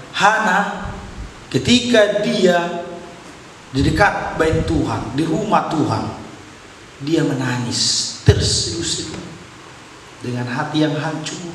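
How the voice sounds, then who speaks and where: A male pastor preaching a sermon, emphatic, swinging between loud cries and hushed asides. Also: on the high side, a little hiss or hum. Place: church. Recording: echoey church hall, far mic.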